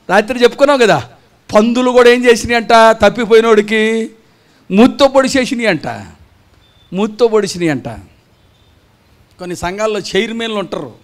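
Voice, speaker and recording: A man preaching a gospel sermon, scolding the congregation with rhetorical questions and mocking imitations of churchgoers. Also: sits high. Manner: acts out churchgoers' voices mockingly. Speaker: pastor. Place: church gathering.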